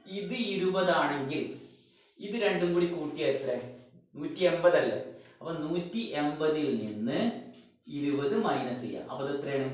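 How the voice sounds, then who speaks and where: A man's voice: on the high side, far from the mic. A man teaching a math lesson to schoolchildren, explaining step by step and asking questions that he answers himself, saying the English terms with a Malayalam accent. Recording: very echoey room.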